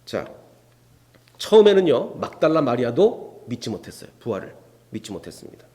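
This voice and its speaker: Animated male pastor in a reverberant hall. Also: medium pitch, brisk. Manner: animated, asks the congregation rhetorical questions; acts out biblical dialogue in shifting voices. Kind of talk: expository sermon. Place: church sanctuary. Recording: long reverb from a church hall.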